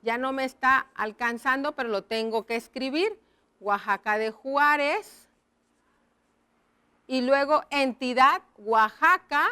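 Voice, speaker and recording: A woman, teaching children slowly and step by step, often checking in with them. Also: sits high, pushed and bright, clear, resonant tone. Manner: slow, explaining step by step, addressing children. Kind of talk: classroom lesson.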